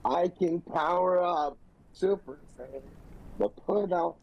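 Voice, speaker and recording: A man's voice: high-pitched, slow pace, lo-fi sound. A man playing a tabletop game, playful and jokey, jumping in eagerly. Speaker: player.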